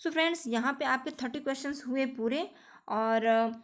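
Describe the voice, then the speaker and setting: High-voiced woman teaching exam prep. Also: moderate pace. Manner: patient and repetitive, often addresses viewers as friends. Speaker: teacher preparing students for teaching exams. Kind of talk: exam-prep lesson explaining answers.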